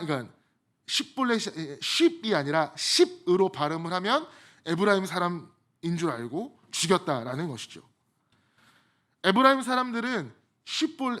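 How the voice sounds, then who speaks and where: High-voiced male pastor preaching. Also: a bit bright. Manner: conversational, with humorous personal asides. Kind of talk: sermon.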